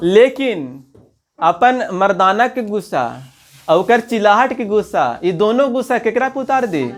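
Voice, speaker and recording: A man's voice: high voice, big pitch swings, unhurried, a little hiss or hum. A man, teaching as a teacher. He reads a story passage, then retells it in local dialect and asks the listener questions. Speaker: Hindi teacher. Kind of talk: explaining a textbook story line by line.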